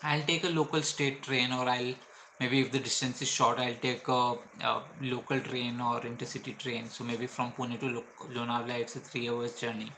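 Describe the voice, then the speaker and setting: Indian-accented male vlogger, bright forceful tone, faint ambient noise; patient explainer. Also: medium pitch, level tone, moderate pace, rough recording. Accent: Indian English. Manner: explains step by step with frequent uh fillers. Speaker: travel vlogger. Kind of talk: explanatory travel tips.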